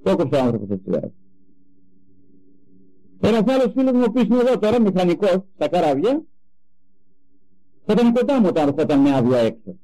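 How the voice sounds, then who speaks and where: Older man, high, lively preaching voice. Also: pauses often, low-quality recording. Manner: animated, emphatic storytelling. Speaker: religious speaker. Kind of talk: sermon with personal anecdotes.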